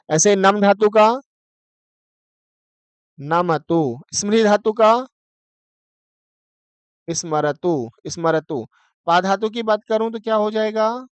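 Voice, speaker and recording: Male grammar teacher. His voice is high and clear, and his delivery is slow and deliberate. He does call-and-response drilling. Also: no room sound. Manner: call-and-response drilling, chanting verb forms slowly. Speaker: Sanskrit teacher. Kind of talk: grammar lesson.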